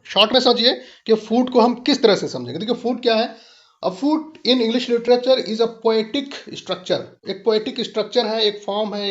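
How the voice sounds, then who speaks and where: A woman teaching English literature in a video lesson. She reads English definitions slowly and deliberately, explains them in Hindi, and stops to check that the viewer follows. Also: on the high side. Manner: asks the viewer to check understanding. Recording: dull lo-fi recording.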